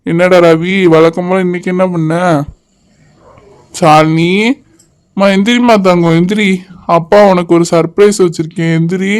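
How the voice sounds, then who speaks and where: A man playing a gentle coaxing father. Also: sits high, fairly even intonation, moderate pace, long pauses, clean tone, close to an everyday voice. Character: kind father coaxing his daughter. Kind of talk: storybook doll-play acting.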